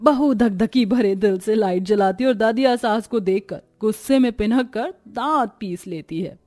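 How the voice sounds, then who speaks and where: A woman reading a scripted family story in a lively, dramatic narrating voice. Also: a little high, normal speed, no room sound, soft background music.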